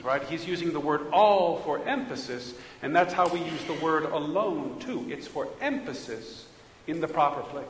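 A man's voice: a little high, a little hiss or hum. A male pastor preaching a sermon with rhythmic emphasis and rhetorical questions. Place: church sanctuary. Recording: echoey church from a distance.

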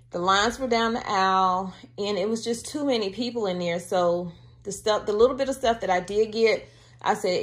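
A woman with a medium-pitched, husky voice, an adult with a daughter, chats casually with her viewers from home while showing a grocery haul. Homey and talkative, she calls them y'all. The audio has the close, plain sound of an indoor handheld camera.

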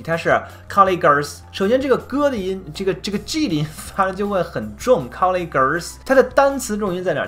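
A woman's voice: fairly low pitch, a bit bright. A woman teaching English speaking, explaining pronunciation errors with many coaxing tag questions. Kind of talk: online lesson with English examples.

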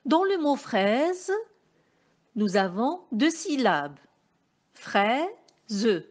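A woman with a Moroccan French accent teaches a phonics lesson to young pupils. Her slightly high voice rises and falls widely as she articulates each sound slowly and carefully, repeating it for emphasis. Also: big pitch swings, a little mellow. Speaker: primary school teacher.

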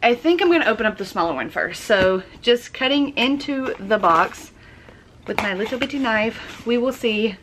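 A young woman chatting excitedly through a casual unboxing vlog at home. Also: a little high, a little hiss or hum. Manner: chatty and excitable, quick gasps of delight. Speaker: YouTuber.

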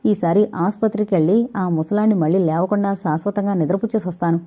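A woman's voice: medium pitch, fairly even intonation, fast, dark tone, natural voice. A woman voicing a male terrorist hitman who earnestly vows to finish the job. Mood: contrite. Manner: vowing, earnest. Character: contrite male terrorist hitman begging another chance.

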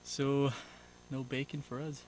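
A man's voice: mid-range voice, measured pace, a little hiss or hum, rough recording. Young man vlogging in the forest. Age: young adult. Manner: relaxed, explanatory, dry humor. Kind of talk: casual outdoor vlog narration. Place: outdoors in a forest. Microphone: action camera.

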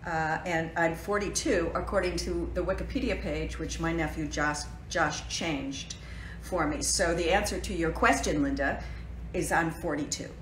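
A woman's voice: low-pitched, moderate pace, a little hiss or hum. A woman in her sixties chatting and joking on a phone livestream from her living room. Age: 60s. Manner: chatty, self-deprecating, joking. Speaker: actress hosting a birthday fundraiser livestream. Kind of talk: casual livestream chat. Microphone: phone at arm's length. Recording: roomy home phone recording.

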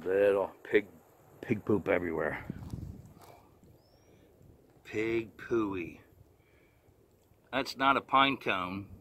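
A man's voice: fairly low pitch, animated, a little slow, pushed and bright, a little hiss or hum. A man vlogging about his homestead chores in a casual, rambling, plainspoken way. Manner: laid-back, plainspoken, mild cursing.

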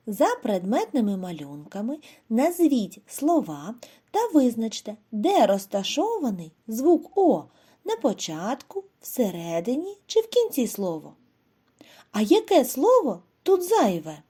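A Ukrainian woman teacher giving a scripted lesson to young children, in a slow, clear, sing-song way. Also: on the high side, sing-song, warm tone. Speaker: primary school teacher.

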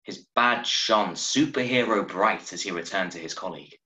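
A man in his thirties reads a short story aloud in a measured, dramatic, audiobook-like way, his voice low-pitched and sharp in tone. He records at home over a video call from a desk in a small indoor room, wearing earphones, and the webcam audio sounds roomy and echoing.

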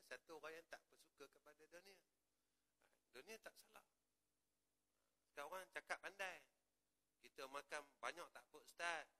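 A man with a Malaysian Malay accent preaching in a prayer hall, switching from quiet asides to loud rising exclamations. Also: fairly high pitch. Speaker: religious teacher. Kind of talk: mosque sermon.

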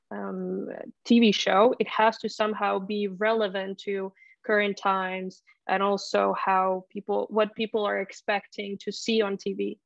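A woman in her early twenties from Finland, a student presenting her study program on a video call, hesitant with many pauses and restarts. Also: medium pitch, gravelly, no echo. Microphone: laptop mic on video call. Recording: dull, lo-fi video call audio.

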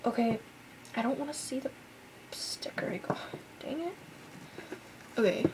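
A young woman vlogs an album unboxing at home, gushing and exclaiming with excitement and sometimes dropping to a whisper. Her voice is a little high and her pace moderate, and the audio is poor.

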